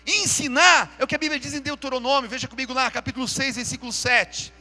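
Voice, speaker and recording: A man's voice: very high-pitched, quick pace, bright, forceful tone, faint music behind. A man preaching a fervent sermon in church, calling out to the congregation and asking them to repeat after him. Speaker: pastor. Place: church during a live service.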